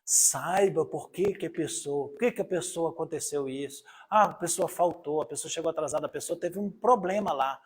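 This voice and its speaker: An older pastor, a man, gives an informal live sermon in a husky, slightly raised voice. He talks to the congregation directly and keeps turning to them with rhetorical questions. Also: fairly high pitch, moderate pace, few pauses. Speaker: pastor leading a Bible study.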